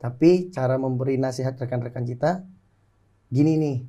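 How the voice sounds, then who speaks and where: Crowd noise surrounds a man in his twenties from Bali, a soldier and pencak silat athlete, as he answers interview questions earnestly. His mid-range voice keeps a moderate pace, and he frequently adds a polite "Kak" for the host.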